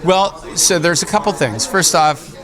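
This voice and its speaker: A man's voice: on the high side, lively intonation, normal speed. A man giving an explanatory interview as a producer at a busy convention. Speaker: audio drama producer being interviewed. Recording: busy crowd noise around the voice. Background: crowd chatter.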